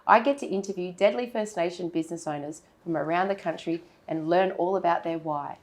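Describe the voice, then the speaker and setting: A woman's voice: lowish voice, fairly quick. An Australian woman hosting an interview series, who introduces the show and encourages her guest in an upbeat way.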